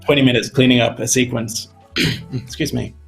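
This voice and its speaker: Speaking into a desk mic in his home studio, a young man from Australia teaches animation in a relaxed live-stream tutorial, peppering it with "you know." His voice is mid-range, gravelly and level, at a moderate pace, and it's growing tired. Soft background music plays.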